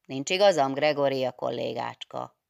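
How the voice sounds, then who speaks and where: A woman's voice: extremely low pitch, creaky, darkish tone, clear, resonant tone, no room sound, studio quality, heavily acted. A woman voicing a jovial old male priest-teacher who teases in a mocking, good-humoured way. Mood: teasing.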